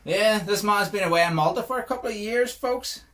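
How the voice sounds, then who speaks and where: Jokey Northern Irish podcast host. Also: male voice, high voice, fairly quick, a bit bright. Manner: jokey, laughing, with restarts. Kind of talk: casual chat.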